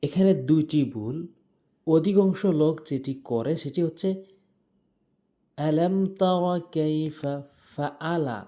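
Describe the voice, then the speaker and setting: A man teaching correct Quran recitation, explaining pronunciation and then reciting the examples slowly and melodically. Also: on the high side, mellow. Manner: drawn-out melodic recitation between plain explanations. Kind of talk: tajweed lesson with slow recited examples.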